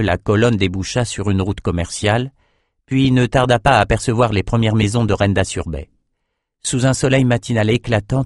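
A man narrating a fantasy novel as an audiobook, in even, measured storytelling. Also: lowish voice, dry recording, clean studio sound.

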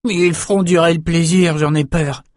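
A man's voice: a little high, steady tone, moderate pace, no room sound, clean studio sound, voice pushed up, lightly acted. A man voicing a fearful, morbid young male prisoner, speaking gloomily in an audiobook. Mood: gloomy. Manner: gloomy, anxious. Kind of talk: audiobook character reading.

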